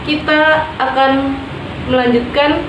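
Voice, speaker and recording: A woman teacher with a high voice leads children through classroom clap chants at a slow, deliberate pace. Her delivery is cheerful and drawn out. The recording is echoey and carries steady background noise. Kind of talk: leading classroom clapping chants.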